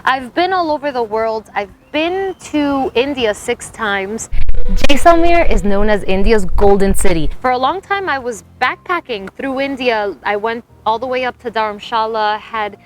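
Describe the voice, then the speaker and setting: An American woman in her thirties, a TV host giving a talkative, upbeat audition pitch straight to camera. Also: animated, moderate pace, hardly any pauses, a bit bright, slight background noise. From United States.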